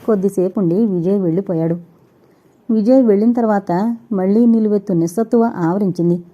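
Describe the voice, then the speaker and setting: A woman narrating a novel in a steady, measured storytelling manner. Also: medium pitch. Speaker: audiobook narrator. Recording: dull lo-fi recording.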